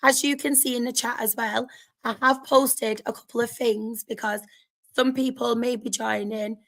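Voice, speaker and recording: A woman's voice: fairly high pitch, fairly even intonation, normal speed, vocal fry, fairly bright tone. A woman with a sore, strained throat, chatting casually to viewers as host of a football fan livestream.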